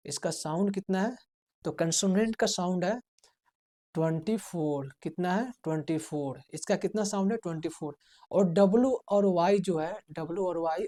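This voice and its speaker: This man's voice sits high and sounds mellow as he teaches spoken English in a Hindi-language lesson. Posing questions to the class, he supplies the answers himself, repeats key words, and tells students to note things down.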